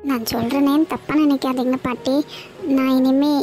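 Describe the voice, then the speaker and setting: A woman's voice: high voice, steady tone, normal speed, music in the background. A woman voicing a remorseful young college girl in a cartoon, who pleads and apologizes. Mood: pleading.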